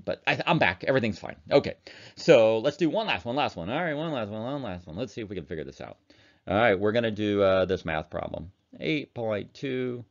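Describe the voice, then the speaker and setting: A man's voice: sits low, gravelly. A man teaching an online chemistry lecture, talking casually as he works through problems on a calculator. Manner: casual, chatty, talks while working calculator problems. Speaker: chemistry instructor. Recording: dull lo-fi recording.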